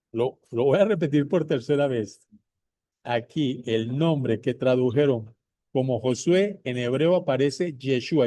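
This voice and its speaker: Male Bible teacher, unhurried and repetitive, dark mellow tone, dry close sound. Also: fairly high pitch, dry recording. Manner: repeats points slowly, addresses viewers directly. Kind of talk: slow deliberate bible teaching.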